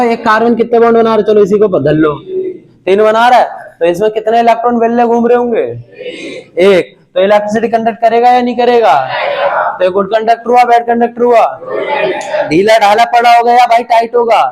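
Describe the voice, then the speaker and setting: A young man with a high, slightly mellow voice teaches an online chemistry class. He is chatty and repetitive, forever asking his students questions and calling them brother.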